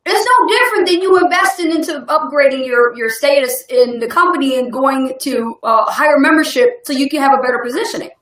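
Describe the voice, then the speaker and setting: A woman's voice: high-pitched, fairly quick, few pauses, fairly bright tone, echoey room. A woman co-hosting a live online business webinar, talking in an upbeat, emphatic motivational way and laughing often. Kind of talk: casual motivational talk.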